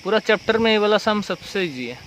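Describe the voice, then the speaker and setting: A man's voice: high-pitched, animated, fairly quick, fairly bright tone, slight background noise, poor audio. A man teaching a recorded math lesson, walking through each step and asking and answering his own questions. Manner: explains step by step, repeats questions and answers them himself.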